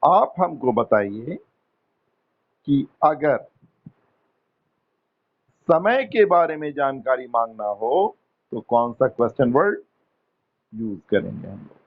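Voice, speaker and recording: A man runs an English class and quizzes students one at a time. He speaks slowly and patiently, coaxing answers and teasing a little. The sound is muffled and lo-fi. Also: mid-range voice, lively intonation. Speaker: English teacher.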